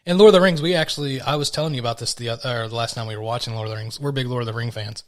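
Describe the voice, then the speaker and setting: Man, podcast co-host, casual chat, rambling, swears a lot, mid-pitched voice. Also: very fast. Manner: loose, rambling, swears freely.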